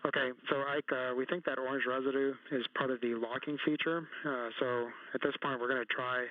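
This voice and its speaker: A man's voice: medium pitch, fairly even intonation, a little fast, no echo. A man speaking as a ground controller to a spacewalker over a tinny space-to-ground radio loop, in clipped, businesslike procedure talk. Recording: tinny dry radio line.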